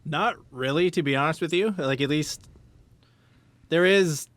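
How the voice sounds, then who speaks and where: A man's voice: on the high side, a little slow, fairly bright tone, no echo. A man chatting casually on a podcast in an easygoing, colloquial way. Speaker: podcast participant, classically trained musician.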